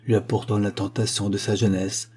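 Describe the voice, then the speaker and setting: A man reading a short story aloud as an audiobook, gently acting out the dialogue and lifting his voice for the women's lines. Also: fairly low pitch, flat delivery, brisk, husky. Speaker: reader.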